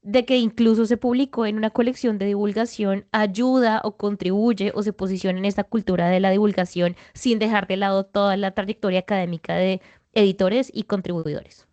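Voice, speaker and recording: A woman's voice: medium pitch, steady tone, a little fast, darkish tone, lo-fi sound. A young woman hosting an academic interview podcast, speaking conversationally with frequent fillers.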